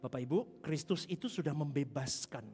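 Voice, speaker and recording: A male pastor preaching a sermon. He swings from hushed asides to shouting and calls the congregation to answer back. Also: on the high side, expressive, moderate pace. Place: large church hall. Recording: long hall reverb with music behind.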